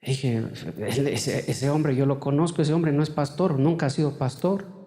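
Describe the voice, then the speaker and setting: Male pastor, fervent sermon delivery, leaps high for emphasis, sinks low and slow for solemn lines; reverberant church. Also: warm tone. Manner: fervent preaching, often calling listeners "hermano"; rises sharply in pitch for emphasis, drops low and slow for solemn points. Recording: long reverb of a church hall.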